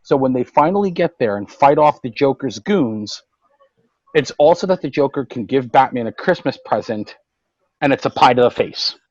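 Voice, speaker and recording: Male podcast co-host, mid pitch, animated storyteller, dry and slightly muffled audio. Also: dry recording. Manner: animated storytelling, recounting plots in detail. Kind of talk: casual roundtable chat.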